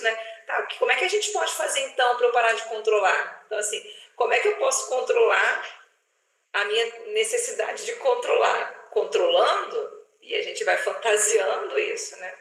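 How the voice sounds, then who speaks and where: Host, middle pitch, fast and playful, heavy room echo. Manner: quick, animated, playful. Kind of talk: casual discussion, lively explanation. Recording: very echoey room.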